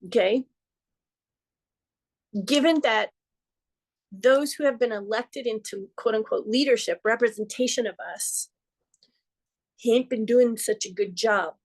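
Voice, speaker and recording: A middle-aged woman hosts an astrology forecast in a somewhat high voice. She talks earnestly and conversationally, slipping in playful asides. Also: a little slow, pauses often. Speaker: astrologer host.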